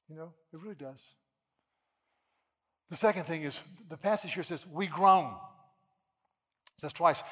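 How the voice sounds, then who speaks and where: A man preaching a sermon as pastor, stammering over repeated words as he presses a point and dropping from loud to hushed. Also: sits high, big-room sound.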